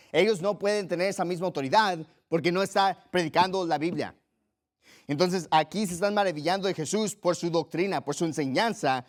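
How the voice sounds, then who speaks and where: A man preaching a sermon in an earnest, emphatic way, repeating his key phrases. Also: a little high. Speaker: pastor.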